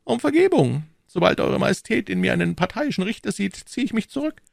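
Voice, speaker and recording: A man doing a scheming cardinal, high sugary voice, lively lilt, gravelly edge, sly courtly manner, audiobook. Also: fairly quick, no echo, clean studio sound, exaggerated voice. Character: scheming older male cardinal, smooth and sly.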